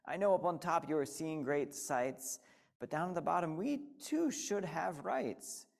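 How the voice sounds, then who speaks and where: A man's voice: on the high side, lively intonation, unhurried, creaky, voice pushed up. A man voicing a humble, put-upon little turtle who pleads politely and wearily in a storybook reading. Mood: weary plea. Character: meek humble male turtle at the bottom of a stack, put-upon.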